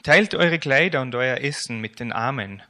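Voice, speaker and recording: A man voicing an adult male prophet who loudly and slowly calls the crowds to repent. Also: medium pitch, animated. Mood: urgent calling. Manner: loud, slow, proclaiming calls.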